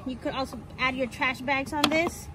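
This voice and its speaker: Here a young female vlogger, high-pitched and steady in tone, explains a home build step by step at a moderate pace. It's a casual show-and-tell filmed outdoors in a driveway beside a house. A nearby handheld camera's mic records her, along with strong outdoor noise.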